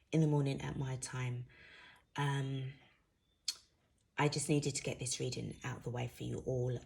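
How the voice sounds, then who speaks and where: A woman with a low, mellow voice speaks as if half asleep. She hosts an informal card reading, wandering haltingly from thought to thought, with a distinctly husky tone. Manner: sleepy, drowsy. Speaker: host, intuitive card reader.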